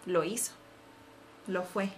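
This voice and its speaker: A woman's voice: lowish voice, steady tone, slow pace, a crowd in the background. A woman co-hosting a casual faith chat, answering with short interjections. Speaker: podcast co-host.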